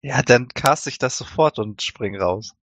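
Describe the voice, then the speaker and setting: A man's voice: medium pitch, measured pace, creaky, a bit bright. A man playing in a tabletop game, joking around and sometimes hesitating over his words. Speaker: player. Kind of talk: casual chat at a tabletop game.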